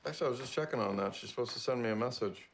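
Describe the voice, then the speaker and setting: A man's voice: medium pitch, racing, a little hiss or hum, natural voice. Guy doing a goofy naive sitcom dad, super chipper. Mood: upbeat. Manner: upbeat, oblivious. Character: cheerful naive husband. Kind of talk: sitcom acting.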